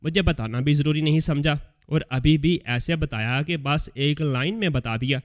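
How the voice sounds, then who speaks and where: A man reading a scripted story aloud as a voice-over, telling it in the first person as an elderly mother in a steady storytelling manner. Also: fairly high pitch. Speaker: story narrator. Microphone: voice-over recording.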